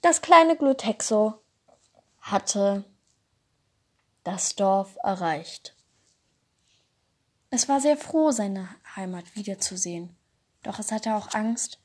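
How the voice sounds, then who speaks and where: A woman telling a homemade fairy-tale story aloud, slowly and with pauses between her phrases. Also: mid-range voice, gravelly, darkish tone, husky.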